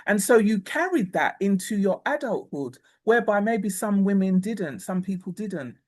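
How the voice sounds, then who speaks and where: A woman's voice: medium pitch, expressive, moderate pace, darkish tone. Podcast host, woman, reflective interviewer who talks things through with frequent fillers. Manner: thoughtful, reflective, many filler phrases. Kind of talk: interview conversation.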